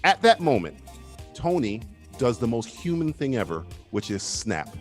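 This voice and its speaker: A man's voice: medium pitch, normal speed. Guy ranting on a call, swears constantly, acts out lines, some music underneath. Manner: animated, swears a lot, acts out quotes. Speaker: co-host. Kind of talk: heated casual debate. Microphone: video call.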